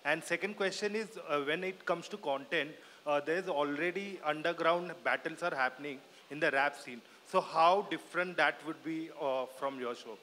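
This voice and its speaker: A man's voice: on the high side, moderate pace, hardly any pauses, sharp tone, slight background noise. A man with an Indian accent, a reporter putting questions at a press conference.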